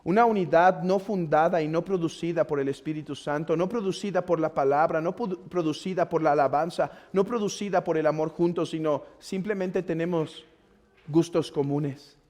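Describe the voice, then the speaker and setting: A pastor with a Mexican Spanish accent preaching a sermon, earnest and exhorting, rising to loud urging and dropping to quiet pleading. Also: male voice, on the high side, normal speed. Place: church hall. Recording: long church reverb.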